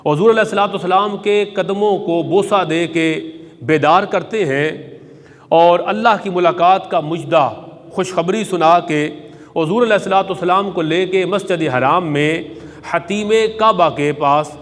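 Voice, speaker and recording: High-voiced preacher in an echoing hall. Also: male voice. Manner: reverent storytelling, recites Arabic hadith. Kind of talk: Friday sermon.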